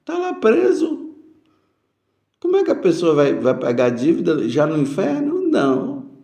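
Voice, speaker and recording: Brief: priest, homily, gravelly voice, lively pitch, asks the congregation questions. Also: male voice, unhurried, roomy sound. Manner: preaching with rhetorical questions, addressing listeners directly.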